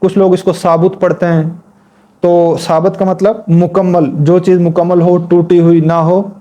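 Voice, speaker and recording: A man teaching how to write letters in a patient, step-by-step lesson. His voice sits fairly high for a man and has a dark, mellow tone. He spells each word out slowly and repeats it while he demonstrates the strokes. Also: flat delivery, dull audio. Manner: talks while demonstrating at a board. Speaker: Urdu writing teacher. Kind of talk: instructional lesson.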